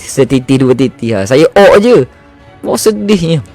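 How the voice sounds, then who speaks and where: A man with a Malaysian Malay accent, an Islamic healer telling a story on a livestream, animated and expressive, often addressing his listeners directly. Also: medium pitch, measured pace, faint music behind. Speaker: Islamic healer (ruqyah therapist).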